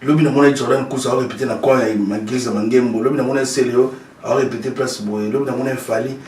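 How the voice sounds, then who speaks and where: In a studio recording, a Congolese man with a mid-range, breathy-edged voice talks fairly quickly. He is an interview guest in casual conversation, speaking with a Congolese French accent, animated and repetitive, shifting between French and Lingala.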